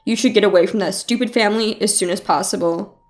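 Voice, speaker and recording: A woman voicing a calm, reassuring older uncle in a storybook reading. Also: mid-range voice, fast talker, pitched below the performer's own voice, lightly acted. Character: calm supportive older uncle, low-voiced.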